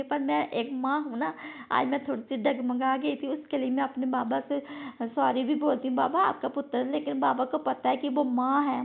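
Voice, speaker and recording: A woman's voice: high voice, vocal fry. A middle-aged woman sharing a devotional testimony with a congregation, emotional and repetitive, often turning to address her listeners. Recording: tinny phone-like audio.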